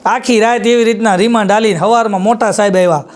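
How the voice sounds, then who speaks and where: A man's voice: high voice, fairly even intonation, fast. A man with a Kathiyawadi Gujarati accent telling folk jokes on stage, doing many quoted voices and repeating his punchlines. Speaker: folk comedian. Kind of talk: live stand-up joke telling.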